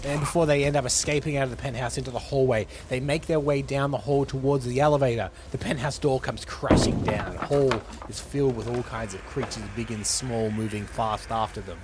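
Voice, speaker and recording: A man hosting a podcast, casually retelling a film script with animated delivery and frequent laughs. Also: medium pitch, fairly quick, few pauses, background noise. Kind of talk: casual storytelling chat.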